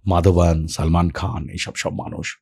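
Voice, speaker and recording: A man tells stories in a relaxed interview, reminiscing about his career. His voice sits at a middle pitch with a husky edge, and he acts out the lines he quotes. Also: a little slow. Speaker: actor as podcast guest. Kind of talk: casual storytelling interview.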